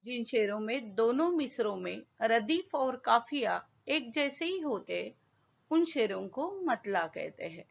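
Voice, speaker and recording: Slow patient woman teacher, dull recording. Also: fairly high pitch, sing-song, gravelly. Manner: slow, patient classroom explaining with questions to pupils. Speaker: school teacher. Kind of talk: Hindi lesson explaining a poem.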